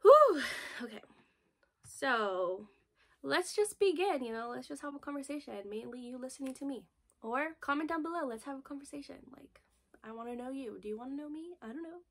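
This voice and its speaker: A woman's voice: sits high, animated, brisk, fairly bright tone. Nervous young woman on a phone video. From United States. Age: 20s. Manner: nervous, chatty, full of "like" and "you know". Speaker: vlogger. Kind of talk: casual get-to-know-me vlog. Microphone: phone camera video.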